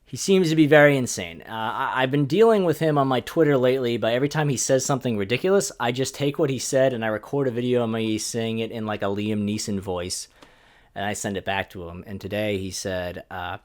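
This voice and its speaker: A man's voice: mid-range voice, fairly quick. A young man hosting a solo comedy podcast, rambling and sardonic, swearing freely. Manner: sardonic, rambling, profane, jumps between loud mock voices and mumbles. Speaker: podcast host.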